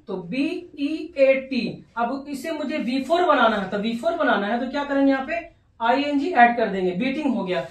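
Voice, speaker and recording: Woman, English grammar lesson in Hindi, high voice, spells words and repeats verb forms, rhetorical check-in questions, echoey room, off-mic. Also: distant mic. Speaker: English teacher.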